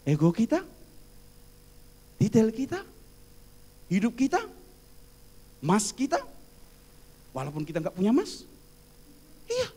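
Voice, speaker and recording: A man's voice: high voice, warm tone. A middle-aged man from Indonesia giving a humorous sermon as preacher, acting out quoted voices in his stories and laughing often. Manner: frequent laughter.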